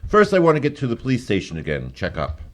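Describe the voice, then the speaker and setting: A man playing a suave gentleman detective and avenger, measured and theatrical, in old-time radio drama style. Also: medium pitch, huge pitch swings. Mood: kindly. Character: suave, kindly gentleman detective, also a grave avenging phantom.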